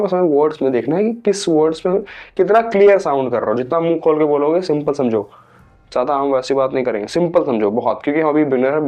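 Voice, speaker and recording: A man's voice: a little high, darkish tone, highs cut off. Indian man teaching pronunciation patiently. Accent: Indian English. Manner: explains patiently, repeats and stretches example words. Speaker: English teacher. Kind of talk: pronunciation lesson in Hindi mixing English.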